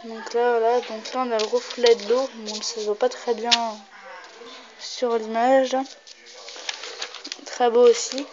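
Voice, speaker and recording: Slow-talking young woman, casual vlog. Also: on the high side, level tone. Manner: casual, swears often, hesitant with fillers. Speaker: video host. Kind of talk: casual vlog showing posters. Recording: dull lo-fi home recording with clear noise.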